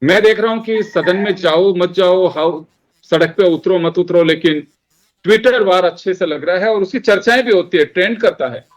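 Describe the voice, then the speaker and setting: A man's voice: high-pitched, normal speed, low-quality recording. A man hosting a studio panel discussion, framing the topic in an emphatic, rhetorical way before bringing in his guests. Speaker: news show host.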